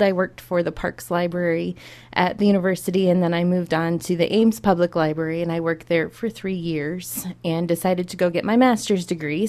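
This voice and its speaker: A woman's voice: fairly low pitch, darkish tone. A young adult woman from Iowa, a public librarian, talking upbeat and in detail as an interview guest. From Iowa, USA.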